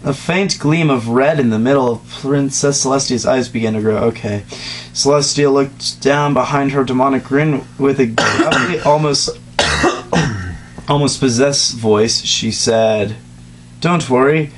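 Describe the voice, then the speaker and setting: A young man gives an informal dramatic reading of a story from a couch in a small, dim room indoors, speaking at medium pitch and an unhurried pace. He stumbles over words and breaks off for casual asides. It's a noisy home recording with hum.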